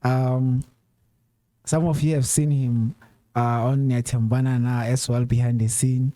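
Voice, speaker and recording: A man hosting a laid-back talk show, his voice mellow and warm. He asks questions in an easy, conversational way, leaning on fillers. The sound is dry and close, with no room around it. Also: medium pitch, little pitch movement, unhurried, no room sound. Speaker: host. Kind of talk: casual chat.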